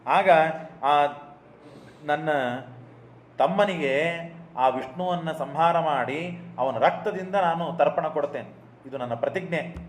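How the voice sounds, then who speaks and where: A man's voice: on the high side, takes it slowly, pauses often, reverberant, slight background noise. A man giving a religious discourse. He tells stories and asks and answers his own rhetorical questions. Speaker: preacher giving a scripture discourse.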